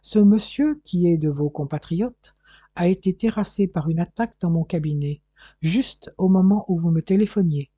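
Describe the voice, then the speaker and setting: A reader voicing a stern middle-aged male police chief who gives curt, brisk orders, in audiobook dialogue. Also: medium pitch, mellow, breathy edge, dry recording, lightly acted.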